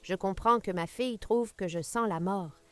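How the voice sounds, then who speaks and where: A woman voicing an elderly matriarch who speaks hoarsely, in a cold, commanding tone, articulating every syllable. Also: medium pitch, unhurried, faint music behind, close to an everyday voice. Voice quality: hoarse, gravelly.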